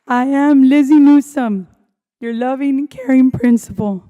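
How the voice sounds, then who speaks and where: Hoarse woman principal, slow and earnest ceremony speech, dull lo-fi mic sound. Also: high voice, dark tone. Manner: earnest, heartfelt, addresses the crowd directly. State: hoarse, losing her voice. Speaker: school principal. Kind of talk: welcoming address at a school ceremony. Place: school event venue, indoors.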